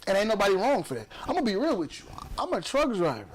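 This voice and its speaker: A man with a notably high voice hosts a casual podcast, ranting hard and cursing freely. He talks with heated emphasis, and a faint hiss sits under the recording. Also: wildly swooping pitch, very fast. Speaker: podcast host; truck driver.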